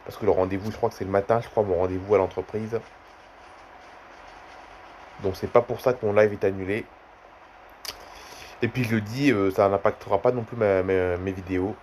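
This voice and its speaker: A man's voice: lowish voice, fairly even intonation, normal speed, long pauses, a little mellow, slight background noise. A man in his twenties chatting casually in a vlog, rambling and repeating himself often. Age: 20s. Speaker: YouTuber.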